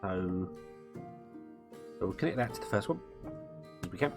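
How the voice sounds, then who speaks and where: Brief: male game streamer thinking aloud as he plays, music clearly audible behind. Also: sits low, lively intonation, normal speed. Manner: rambling, thinking aloud with fillers. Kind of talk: live gameplay commentary. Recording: music playing under the voice. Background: guitar music.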